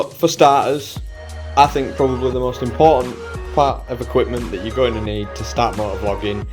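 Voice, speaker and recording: A man's voice: medium pitch, darkish tone. A British man giving a casual, chatty walkthrough of gear as a vlogger, with a cheeky, slangy, informal way of talking. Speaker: motovlogger presenting gear.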